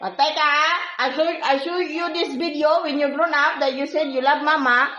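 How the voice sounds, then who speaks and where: High bright-voiced Filipina mom vlogger. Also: female voice, steady tone, normal speed, reverberant, highs cut off. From Philippines. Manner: chatty, keeps addressing viewers, coaxes her toddler in baby talk. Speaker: vlogger and mother. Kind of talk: casual home vlog chat.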